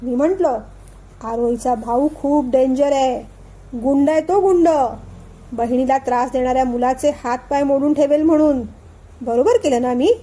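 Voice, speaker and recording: A woman voicing an excitable young college girl in a storybook reading, chattering eagerly. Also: high-pitched, moderate pace. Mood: excited. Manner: excited, gossipy.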